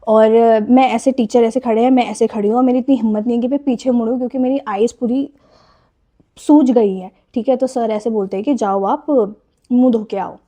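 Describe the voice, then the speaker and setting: A woman's voice: a little high, steady tone, fairly quick, warm tone. A young woman with an Indian accent, telling a personal story in a chatty vlog style, mixing in English phrases and tag questions. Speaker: vlogger.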